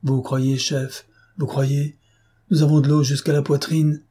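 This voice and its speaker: A man's voice: fairly high pitch, level tone, unhurried, warm tone, husky, voice pushed up. A man voicing a terrified, worn-out police officer who pleads in a choked voice in an audiobook. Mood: panicked.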